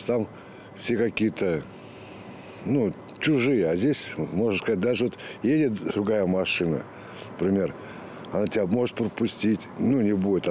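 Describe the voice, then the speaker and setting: A man in his fifties, a trolleybus driver, talking in a halting, easygoing way in a street interview outdoors at a depot. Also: on the low side, a little mellow, slight background noise. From Ufa, Russia.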